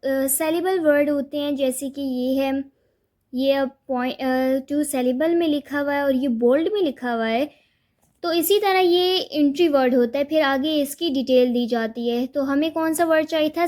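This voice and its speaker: A woman teacher with a high voice walks students through a vocabulary lesson. She explains patiently and repeats herself, pausing with small hesitations as she goes. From South Asia.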